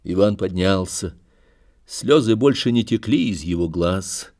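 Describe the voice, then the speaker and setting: A man reading a literary story aloud as an audiobook narrator, in a measured, dramatic storytelling manner. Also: low-pitched, expressive, darkish tone.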